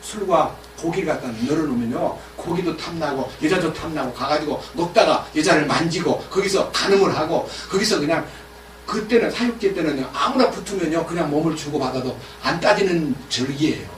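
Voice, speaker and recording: A man preaching a sermon as pastor, animated and asking his congregation questions while he retells scripture. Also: a little high, brisk, slight background noise. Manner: animated, acts out biblical dialogue, asks the congregation questions. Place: church. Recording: echoey church room from far off.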